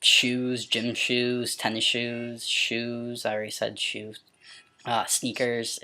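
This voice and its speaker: An amateur vlogger with a mid-pitched, androgynous voice, speaking casually and stumbling now and then over words. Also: completely flat delivery, bright, forceful tone. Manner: halting, stumbles over words and repeats them when reading. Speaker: amateur video blogger. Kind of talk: casual question-and-answer vlog with some read-aloud passages.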